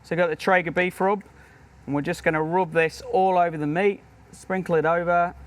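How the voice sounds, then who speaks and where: At the grill, an upbeat professional chef from Britain chats his way through a cooking demo, showing every step. His voice is fairly high, his intonation fairly even, and his pace brisk.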